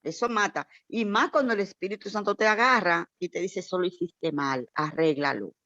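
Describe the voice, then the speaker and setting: A woman sharing an emotional testimony at a church gathering, animated and storytelling, acting out quoted voices. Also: on the low side, normal speed, no echo, dull audio. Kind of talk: heartfelt testimony in a prayer meeting.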